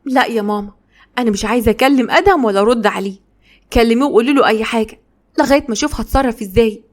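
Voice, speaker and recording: A woman's voice: a little high, very fast, close to an everyday voice. Woman voicing a sad, reluctant young Egyptian wife. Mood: weary. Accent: Egyptian Arabic. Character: sad young wife, refusing her husband.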